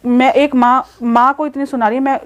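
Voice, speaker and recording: Woman, middle-aged, upset mother in a family vlog skit, lightly high voice. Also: little pitch movement, normal speed, lo-fi sound. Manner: distressed, complaining, quoting her daughter.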